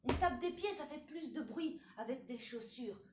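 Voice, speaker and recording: High-voiced playful woman hosting kids' show. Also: expressive, normal speed, echoey room, background noise. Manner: playful, addresses children directly. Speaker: children's show host. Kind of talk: leading a children's music warm-up. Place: her home.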